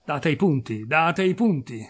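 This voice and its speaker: A man's voice: fairly high pitch, lively intonation, unhurried, slightly rough. A man reading a story aloud, voicing a resigned farmhand who sighs his words. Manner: sighing, resigned. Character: weary male farmhand, resigned.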